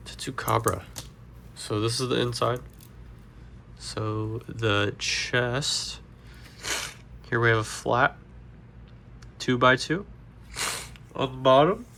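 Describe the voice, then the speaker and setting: Congested man with a gravelly voice. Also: mid-range voice, slow pace, pauses often, slight background noise. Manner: relaxed, rambling with fillers. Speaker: Lego builder, channel host. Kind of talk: casual build tutorial.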